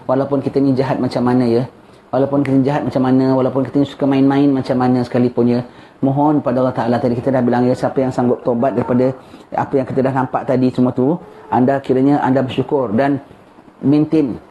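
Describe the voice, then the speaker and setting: Speaking quickly at medium pitch with little pitch movement, a man teaches a live religious lecture to a gathering that includes children. He repeats phrases and tags "ya" and "ha?" at the audience, captured in a muffled recording with faint hiss.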